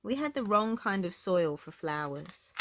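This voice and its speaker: A woman's voice: lowish voice, animated, unhurried, fairly bright tone, a little hiss or hum. A woman voicing a jovial, proud daddy pig from a children's storybook. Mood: reminiscing.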